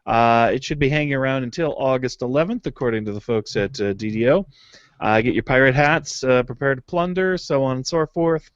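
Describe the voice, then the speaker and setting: A man's voice: mid-range voice, brisk, smooth, no room sound. A man hosting a casual gaming podcast, rambling and chuckling between fillers. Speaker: podcast host. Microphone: home mic on a video hangout. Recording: dull lo-fi dry webcast audio.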